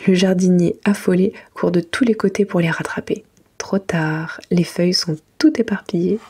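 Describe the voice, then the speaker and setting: A woman narrates a children's bedtime book in a very breathy, mostly whispered ASMR voice. Her pitch sits a little low. She reads gently and carefully, as if to young children. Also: steady tone, moderate pace. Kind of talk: soft whispered ASMR bedtime story reading.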